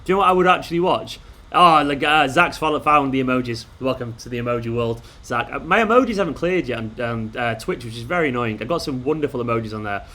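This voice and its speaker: A man's voice: mid-range voice, quick pace. Chatty man live-streaming late at night. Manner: excitable, chatty, jokey banter with viewers. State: tired. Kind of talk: casual live-stream chat reading viewer comments.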